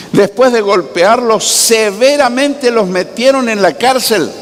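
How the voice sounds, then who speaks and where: A man preaching a sermon, slow and dramatic, sometimes rising to a near shout. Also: sits high. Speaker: pastor. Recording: long hall reverb.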